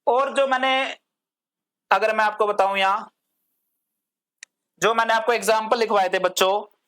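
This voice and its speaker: Woman teaching pharmacy, slow drawn-out terms. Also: on the high side, fairly even intonation, fairly bright tone, smooth. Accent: Hindi-English code-switching. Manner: drawls long technical terms word by word. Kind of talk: classroom lecture.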